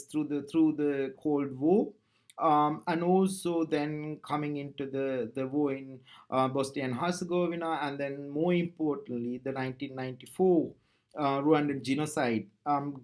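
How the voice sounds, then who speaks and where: A man from Sri Lanka presenting a recorded conference talk, speaking in a measured way with frequent pauses and fillers. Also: on the high side, darkish tone.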